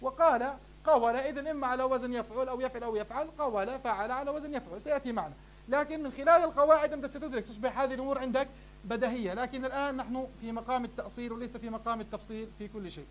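This is a man with a very high-pitched voice talking very fast, with a little background noise. He's a sheikh teaching Arabic morphology in class, answering his own questions and fondly calling the room "beloved ones."

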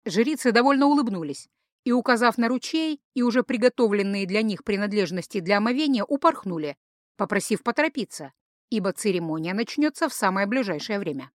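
A woman narrating a fantasy audiobook in a calm, even storytelling manner. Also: medium pitch, fairly quick, dry recording, studio quality. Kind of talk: scripted narration.

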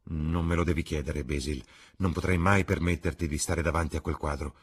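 A man's voice: rumbling low, fairly even intonation, a little fast, slightly rough. A man reading the part of a charming, vain young aristocrat in an audiobook, with a light and emphatic delivery. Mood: guarded.

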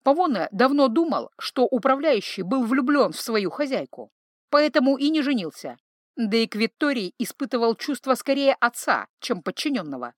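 A woman reading a novel aloud in measured, wryly expressive narration. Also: on the high side, no echo, clean studio sound. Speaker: audiobook narrator. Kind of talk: scripted narration.

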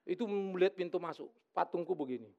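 A middle-aged male pastor preaching a lively, joking sermon in church. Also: high voice, quick pace, vocal fry, dull audio, noisy background. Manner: lively, joking, acts out quoted voices.

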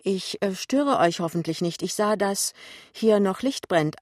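Radio drama reading, fussy middle-aged mother, voiced by the narrator, raised pitch, raised volume, chattering, over-apologetic. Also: animated, a little slow, dry recording, clean studio sound, natural voice. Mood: flustered.

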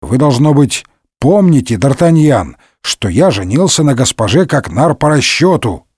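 A man voicing a big, weepy middle-aged musketeer in a comic audiobook, wailing and lamenting in slow, drawn-out complaints. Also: medium pitch, big pitch swings, darkish tone, slightly rough, no echo, clean studio sound.

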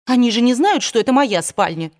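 A woman's voice: on the high side, lively intonation, fairly quick, a little mellow, voice pushed up, lightly acted. A woman voicing a wilful young widow who pleads and sobs, in an audiobook. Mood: petulant. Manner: pleading, sobbing, petulant.

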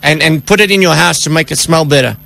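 A man's voice: fairly high pitch, fast, gravelly, bright, forceful tone. A male radio host making a prank call, needling and teasing, laughing at his own jokes. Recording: noisy radio broadcast.

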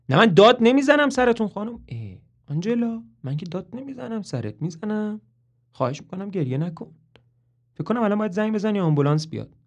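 A man's voice: on the high side, a little mellow, voice pushed up. A man doing a flustered young man stammering down a phone line. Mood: panicked. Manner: flustered, stammering, over-explaining. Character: nervous young man stalling a caller on the phone. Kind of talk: dramatic play reading.

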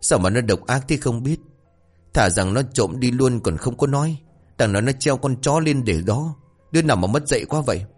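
A man voicing a village neighbor who gossips quickly and in hushed tones. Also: mid-range voice, lively intonation, husky, soft background music. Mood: outraged.

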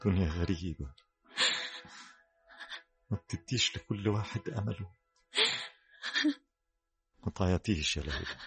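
An actor with an Egyptian accent playing a weary, long-suffering farmer uncle who speaks with solemn resolve in a vintage radio drama. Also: male voice, low voice, slightly rough, exaggerated voice. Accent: Egyptian Arabic.

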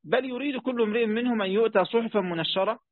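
Quick high-voiced Egyptian teacher. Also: male voice, no echo, narrow, tinny audio. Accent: Egyptian Arabic. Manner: conversational, asks students questions, many fillers. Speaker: teacher of Quran commentary. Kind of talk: classroom lesson explaining a text.

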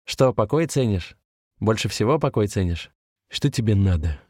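A man's voice: fairly low pitch, expressive, moderate pace, darkish tone, no room sound, clean studio sound. A man voicing an irritated, dismissive stranger who is secretly a sinister tempter. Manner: irritated, scornful, curt.

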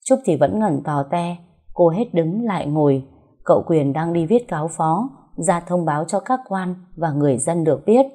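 A woman with a low, mellow voice tells a dramatic story. Her delivery is calm and measured, with a slightly husky edge. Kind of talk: scripted story narration.

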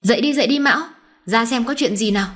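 A woman's voice: on the high side, quick pace, a bit bright, pitched above the performer's own voice, lightly acted. A woman voicing a shaken young wife of the household who stammers with worry. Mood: anxious.

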